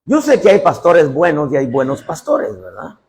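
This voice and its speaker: A man preaching a sermon as pastor, acting out dialogues and bursting into shouts. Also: a little high, big pitch swings, moderate pace.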